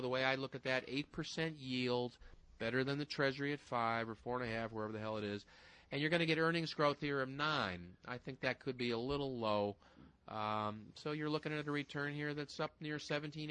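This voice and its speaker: A man co-hosting a casual financial talk show, walking through stock numbers in a brisk, folksy way and speaking straight to listeners. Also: mid-range voice, sharp tone, smooth, dry recording, low-quality recording. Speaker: stock-picking co-host.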